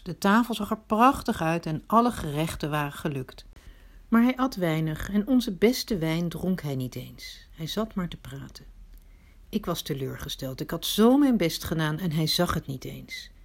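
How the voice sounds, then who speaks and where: A woman telling a dramatic first-person story, swinging between hushed asides and indignant outbursts. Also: low voice, lively intonation, normal speed.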